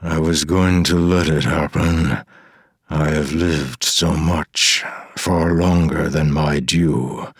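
Ancient weary demigod, deep and dragging, slow, heavy lines, read by a male narrator. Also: fairly even intonation, husky, no echo, studio quality, heavily acted. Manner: slow, heavy, low delivery.

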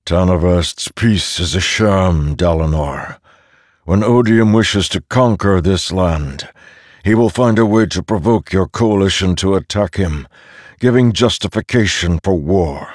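A man voicing an ancient male storm spirit with a rumbling voice, speaking slowly and solemnly in an audiobook. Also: a little mellow, no echo, clean studio sound. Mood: grave. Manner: slow, solemn and heavy.

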